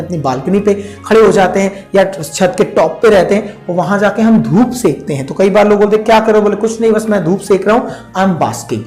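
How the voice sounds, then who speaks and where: A man with an Indian accent teaching a spoken English lesson, slowly repeating example sentences word by word. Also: high-pitched, darkish tone. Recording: echoey room with faint music.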